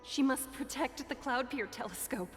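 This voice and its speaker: A woman playing a distressed battlefield messenger in a game, speaking gravely and urgently. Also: high-pitched, moderate pace, in a large hall, faint music behind, natural voice. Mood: grave, shaken. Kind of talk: dramatic game voice acting.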